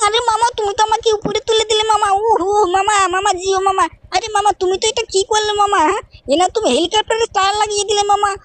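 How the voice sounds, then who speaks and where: Woman doing a squeaky, whiny cartoon kid, high and flat, rattling off pleas fast. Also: dry recording. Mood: pleading. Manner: fast pleading, ends lines with "mama". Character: whiny little boy cartoon nephew. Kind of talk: game role-play commentary.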